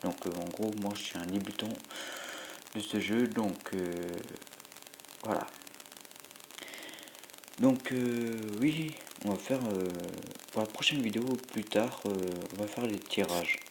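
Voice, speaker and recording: The audio is poor, with slight background noise, as a tired man with a stuffy cold narrates his mobile gameplay. His lowish voice is a little slow and pauses often, and he rambles hesitantly, filling gaps with filler sounds.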